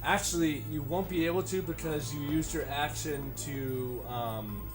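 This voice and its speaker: A man running a tabletop game as game master, talking in a relaxed, casual way and swearing freely. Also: on the high side, a little slow. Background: background music.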